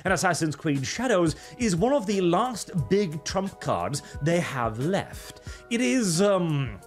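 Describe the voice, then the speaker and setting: A man's voice: sits high, very animated, slow pace, faint music behind. A man delivering scripted video game news commentary in a theatrical, wordy, pompous manner. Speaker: YouTube commentator.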